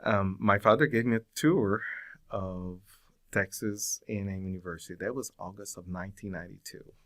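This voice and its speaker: A Brazilian man in his forties speaks English with a Brazilian Portuguese accent as a guest in a casual interview. His voice sits on the low side and is a bit bright, and he's thoughtful, with many pauses and fillers.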